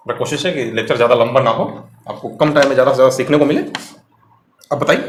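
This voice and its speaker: A man's voice: medium pitch, very fast, slight background noise. A man giving an exam-prep grammar lecture, explaining step by step and quizzing the viewer. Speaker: English teacher. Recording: echoey room.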